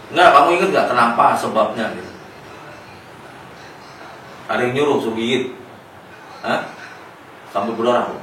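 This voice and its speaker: A man working as a clinic therapist, gently coaching a patient and then explaining things plainly to the parents. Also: mid-range voice, moderate pace, long pauses. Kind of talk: clinical consultation with a patient and family. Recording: echoey room, mic at a distance, faint noise.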